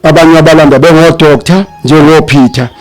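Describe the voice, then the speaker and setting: A man's voice: fairly high pitch, fairly even intonation, quick pace, soft background music, rough recording. A man with a South African accent and native Zulu, giving a sermon as guest preacher with repetitive, listing phrasing.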